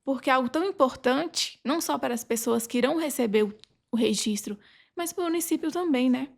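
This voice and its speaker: A woman with a Brazilian accent appears as a podcast guest and legal advisor, explaining things earnestly and conversationally. Her voice is high and fairly quick, with vocal fry.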